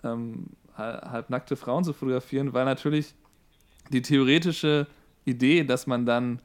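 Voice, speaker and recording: A man co-hosting a casual podcast, a wedding photographer calmly explaining his view. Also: mid-range voice, a little slow, clear, resonant tone.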